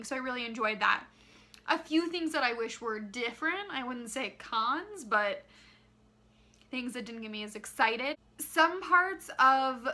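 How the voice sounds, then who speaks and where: Young woman chatting through a book review, bright forceful voice, a bit high, expressive. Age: young adult. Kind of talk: casual vlog review to camera. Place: small living room, indoors.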